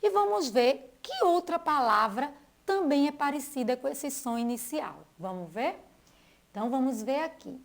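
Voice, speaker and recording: Brazilian lady teaching little kids on school tv, drags out the syllables, bit high voice. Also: vocal fry. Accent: Brazilian Portuguese. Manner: slow, lively, stretches out names and syllables. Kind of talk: school TV lesson for young children.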